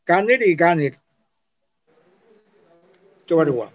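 A man teaching, explaining spelling and pronunciation slowly and repeating words to show how they sound. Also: fairly high pitch, big pitch swings. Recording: dull lo-fi recording.

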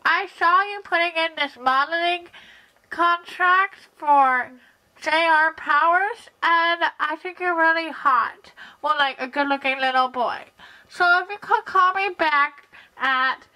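A woman's voice: very high voice, takes it slowly, sharp tone, poor audio. A woman leaving a flirty prank voicemail.

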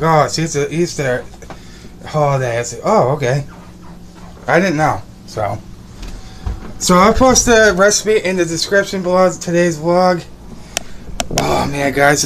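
Young guy cooking vlog at home, kinda high voice, rambly and repeats himself, phone at arm's length, faint room hum. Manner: rambling, repeats words, upbeat. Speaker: vlogger. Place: small home kitchen and bedroom indoors. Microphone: phone camera at arm's length.

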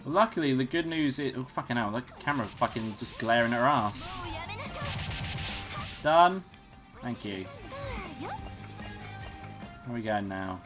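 A man's voice: medium pitch, animated, a little slow, long pauses. A young man hosting a let's play, giving casual, rambling gameplay commentary and swearing freely. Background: game music.

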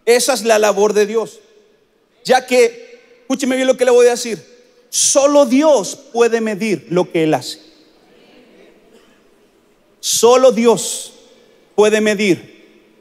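Male pastor, very high voice, emphatic sermon, church-hall reverb. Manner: emphatic preaching, repeats phrases for stress.

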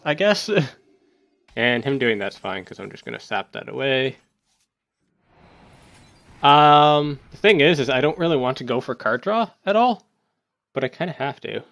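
A man giving casual gameplay commentary, thinking aloud as he plays and breaking into sudden excited outbursts. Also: medium pitch. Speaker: gaming YouTuber.

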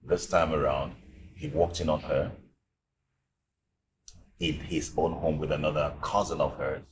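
A divorced man with a nigerian accent, super deep voice, gossipy and amused, echoey room with noise behind. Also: fairly even intonation, measured pace. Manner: conversational, laughs between remarks. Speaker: boss's friend confiding in a young employee.

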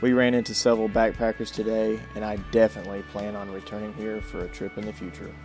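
Low-voiced male vlog narrator, steady and reflective, over background music. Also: fast talker. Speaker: hiking vlogger.

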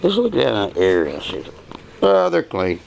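An older grandfather talking slowly and repetitively to a toddler, coaxing him in a casual home video. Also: fairly low pitch, wildly swooping pitch, gravelly, darkish tone, slight background noise. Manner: slow, repetitive coaxing talk to a small child.

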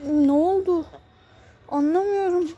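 A woman's voice: very high voice, slow pace, dark tone, dull audio. A young woman chatting casually on a vlog while feeding her animals outdoors, recording herself on a phone and repeating her questions when something worries her. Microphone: handheld phone camera.

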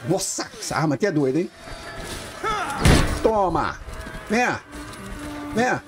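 A young Brazilian man casually commenting on his own gameplay, excitable, swearing and yelling during fights. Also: fairly high pitch, slow pace, loud music behind the voice. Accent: Brazilian Portuguese. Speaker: gaming YouTuber.

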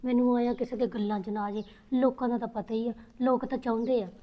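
An actress playing a greedy sister-in-law who gossips and plots over land. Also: female voice, on the high side, level tone, fast talker, dull audio, lightly acted. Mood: scheming. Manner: gossiping, scheming. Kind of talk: Punjabi family drama acting.

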